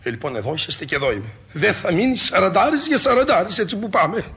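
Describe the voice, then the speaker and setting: A man's voice: high voice, sing-song, a bit bright, husky, full character voice. An actor in his forties playing an anxious hypochondriac husband in a 1960s radio play, fretful and comic. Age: 40s.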